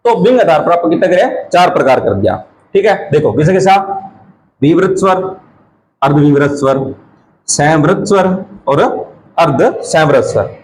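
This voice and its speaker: A male teacher gives an exam-prep grammar lesson, asking questions and answering them himself while repeating key terms slowly. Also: fairly high pitch, expressive, darkish tone, a little hiss or hum, low-quality recording.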